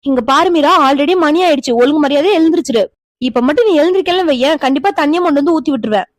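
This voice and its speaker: A woman voicing a bossy young woman in a cartoon who scolds and nags, sharp-tongued. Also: high-pitched, rapid-fire, dry recording, studio quality, close to an everyday voice. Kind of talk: cartoon voice acting.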